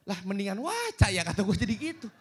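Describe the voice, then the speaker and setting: A man's voice: sits high, fast talker, breathy edge. A young man performing a stand-up comedy set, telling stories and acting out the dialogue in them. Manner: animated storytelling that acts out quoted dialogue. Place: cinema stage with a live audience.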